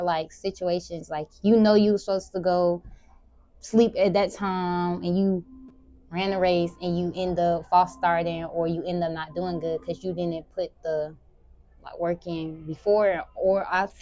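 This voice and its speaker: A teenage girl, a high school sprinter answering interview questions in a relaxed, rambling way. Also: measured pace, dry recording. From Memphis, Tennessee. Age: teens. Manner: relaxed, rambling, many "like" fillers.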